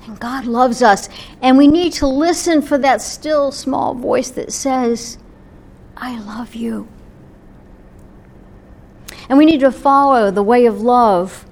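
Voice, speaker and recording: A woman pastor tells a quiet storybook sermon to her congregation. Her voice sits somewhat high and moves at an unhurried pace. She often lets her phrases sink into a soft, breathy hush. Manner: gentle, unhurried, softening to near-whispers at phrase ends.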